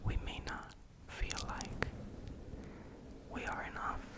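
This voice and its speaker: Casting: whispering ASMR host for a bedtime pep talk, very slow, breathy, close-miked. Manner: slow, pausing between short phrases. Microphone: close fluffy-covered microphone.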